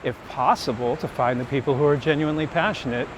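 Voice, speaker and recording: Speaking fast in a mid-range voice, a man who is a street photographer and teacher reflects casually as he walks outdoors on a busy city street, in an earnest, candid, introspective manner. Traffic, vehicles and street ambience fill the noisy recording.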